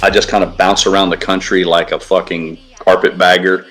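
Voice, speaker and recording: A man sharing livestream hosting duties chats casually but rants bluntly, swearing freely. His low, level voice comes at normal speed with a slightly bright quality, over faint background music.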